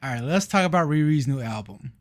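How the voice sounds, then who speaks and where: A man's voice: medium pitch, lively intonation, dry recording, clean studio sound. A man co-hosting a gaming podcast, chatting casually and searching for words as he reviews a game. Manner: slow, halting, searching for words.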